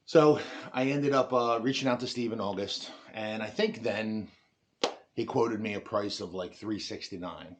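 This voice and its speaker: Low-voiced man rambling casually. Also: measured pace, background noise. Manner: rambling, lots of fillers and restarts. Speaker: ATV owner reviewing a product. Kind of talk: casual talk to camera.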